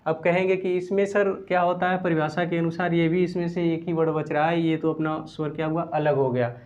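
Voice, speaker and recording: A man with a somewhat high voice teaches a grammar lesson. He explains each point step by step, repeats key phrases and slows to dictate definitions one word at a time. The sound is muffled and lo-fi. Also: steady tone, darkish tone. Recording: dull lo-fi recording.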